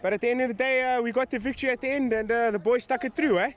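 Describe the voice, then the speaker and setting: A man's voice: very high-pitched, fairly even intonation, racing, crowd noise. A man, a team captain interviewed outdoors, cheerful and tagging sentences with eh. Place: outdoors at a rugby ground.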